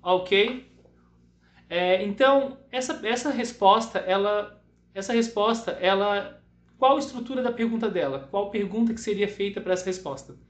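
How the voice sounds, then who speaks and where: High-voiced teacher in echoey room. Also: male voice. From southern Brazil. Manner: slow repeated English words for pupils to echo. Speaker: English teacher. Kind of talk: bilingual online class for children.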